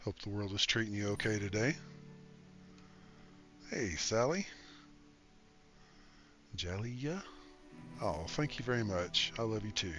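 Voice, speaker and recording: A man streaming a game, greeting viewers by name in relaxed live-stream chat. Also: lowish voice, unhurried, long pauses, faint music behind. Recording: stream with steady background noise.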